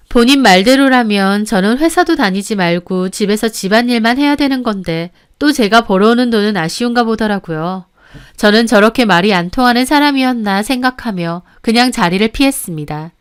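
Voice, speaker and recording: Woman narrator, smooth clear voice, plain first-person storytelling. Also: fairly high pitch, expressive, a little fast.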